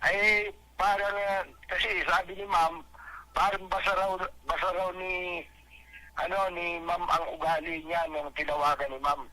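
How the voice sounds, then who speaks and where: An older man calling into a radio program, telling his side in a rambling, halting, pleading way over a phone line. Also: high-pitched, flat delivery, sharp tone. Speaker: caller.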